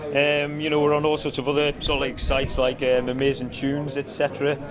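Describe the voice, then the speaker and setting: A man's voice: mid-range voice, monotone, brisk. A man with a Cumbrian accent, a band musician giving a casual interview in a rambling way, often saying "you know". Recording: busy crowd chatter around. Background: crowd chatter at a live event.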